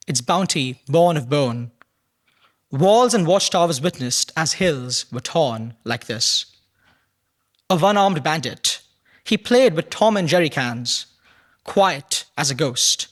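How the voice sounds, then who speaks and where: A young man recites a poem at a ceremony, his voice sitting a little high for a man. His reading is slow and solemn, and his voice falls low and quiet as each line closes. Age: young adult. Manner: measured, solemn reading, dropping low and soft at line ends. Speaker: poet reading at a prize ceremony. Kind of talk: poetry recitation.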